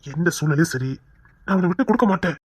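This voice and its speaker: A woman's voice: fairly low pitch, animated, fast, husky, no room sound. A woman voicing a young husband, a reformed brawler, coaxing and pleading with his wife in an audio drama. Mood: earnest pleading. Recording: dull dry lo-fi recording.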